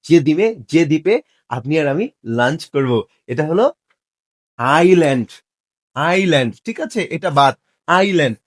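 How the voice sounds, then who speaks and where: A man's voice: on the high side, expressive, fairly quick, darkish tone. A man teaching English pronunciation in a casual, joking way, teasing his viewers as he corrects them.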